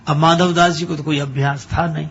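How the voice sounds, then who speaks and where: A man narrating a devotional story in a lively way, chuckling as he goes. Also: on the high side, brisk, slight background noise. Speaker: religious storyteller. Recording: dull lo-fi recording with faint ambience.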